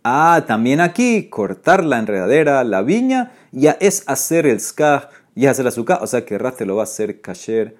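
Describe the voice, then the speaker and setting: A man teaching a Talmud class online. He explains the Gemara lively, mixes Hebrew and Aramaic terms into his speech and rises sharply when he quotes the rabbis. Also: mid-range voice.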